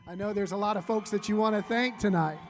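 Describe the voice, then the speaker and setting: A man emceeing a live ceremony in an upbeat, brisk way. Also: high voice. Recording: long hall reverb.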